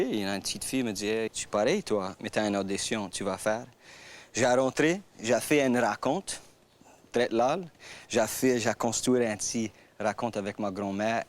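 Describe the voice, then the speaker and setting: A man from Louisiana with a Cajun French accent, casually telling his life story and acting out the people he quotes. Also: fairly low pitch. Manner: animated, acts out quoted voices.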